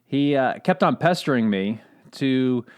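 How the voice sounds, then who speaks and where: A middle-aged man co-hosting a podcast, chatting in a relaxed way and laughing easily. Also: mid-range voice, measured pace, smooth. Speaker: podcast co-host. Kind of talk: casual conversational podcast.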